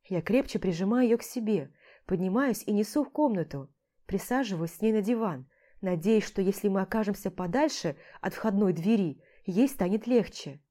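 Woman reading a story, mellow voice. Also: mid-range voice, animated, moderate pace. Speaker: audiobook reader. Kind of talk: first-person story narration.

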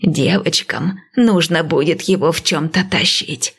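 A woman voicing an old blind priestess and seer, speaking slowly and calmly. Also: sits low, gravelly, husky, exaggerated voice. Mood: calm, wise. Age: older. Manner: slow, calm, measured.

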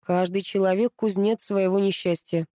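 A woman's voice: mid-range voice, steady tone, normal speed, mellow, no echo, clean studio sound, lightly acted. A woman reading aloud, voicing a stern middle-aged school director who speaks curtly and sarcastically. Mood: cold. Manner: curt, cold, sarcastic.

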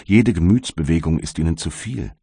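A man voicing a kindly but stern male magistrate in an audiobook, speaking in a measured way. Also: low voice, animated, breathy edge, dry recording, studio quality, full character voice. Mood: concerned. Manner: gentle, measured, turning stern.

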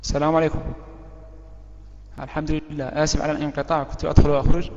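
Man reciting over a choppy, dropping call. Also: on the high side. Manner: fast, flat recitation. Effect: choppy online call audio with dropouts. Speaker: student reciting a memorized text. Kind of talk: rapid memorized recitation. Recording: muffled, echoey online call audio.

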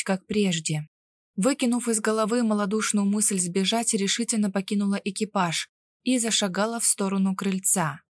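A woman narrating a fantasy novel in an even, measured storytelling voice. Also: medium pitch, no room sound, clean studio sound. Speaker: audiobook narrator.

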